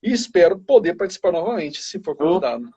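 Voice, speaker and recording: Um advogado brasileiro convidado numa live, explicando de forma enfática e didática. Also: male voice, high voice, lively intonation, fast talker, a crowd in the background. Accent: Brazilian. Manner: emphatic, explanatory. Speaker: guest criminal lawyer. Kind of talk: live video chat. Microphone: video call. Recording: lo-fi livestream audio.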